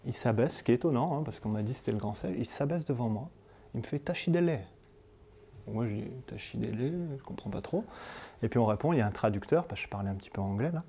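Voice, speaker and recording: A man from Marseille, France, gives a coaching lecture in a conference room, telling a story in a colloquial, joking way and acting out the dialogue. His medium-pitched, mellow voice is expressive and very fast, with a little hiss or hum in the audio.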